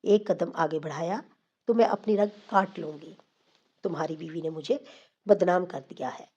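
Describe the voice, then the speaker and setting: A woman's voice: fairly low pitch, breathy edge, dull audio. Woman voicing a furious elder sister. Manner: harsh, shouting threats.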